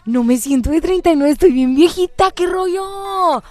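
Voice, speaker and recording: A playful Mexican woman in her late thirties banters as a radio host, her voice pitched high. She chats casually and often breaks into excited exclamations. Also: normal speed, dry recording. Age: 30s.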